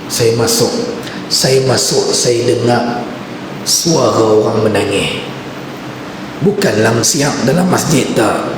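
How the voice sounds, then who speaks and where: A preacher speaks slowly in a mid-range voice, leaving long pauses as he shares an anecdote in conversational style during a mosque lecture. Echo from the mosque hall and background noise fill the recording.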